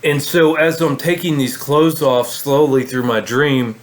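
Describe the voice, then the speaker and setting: A man's voice: on the high side, steady tone, unhurried. A man vlogging a casual storytelling monologue, rambling with many fillers and restarts.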